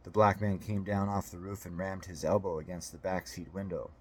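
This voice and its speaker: A man narrating an audiobook in a steady, measured storytelling manner. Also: sits low, a little hiss or hum.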